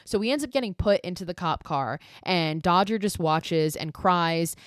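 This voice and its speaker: A woman's voice: fairly low pitch, expressive, moderate pace, smooth, dry recording, clean studio sound. A woman hosting a podcast, recapping a horror film in a casual, blunt and sarcastic way with lots of swearing. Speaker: podcast host.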